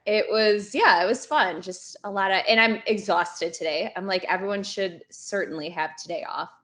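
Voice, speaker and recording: A woman's voice: medium pitch, moderate pace, a bit bright. A woman chatting in an easygoing way as a guest on a casual podcast. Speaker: guest, business co-owner.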